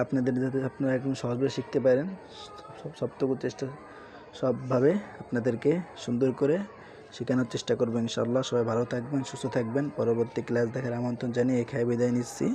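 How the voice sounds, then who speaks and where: A man teaching Quran reading, spelling out syllables slowly and repeating each word, asking questions and answering them himself. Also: medium pitch, little pitch movement, warm tone. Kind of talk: spelled-out recitation lesson. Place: madrasa room with sounds nearby. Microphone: screen-recording setup.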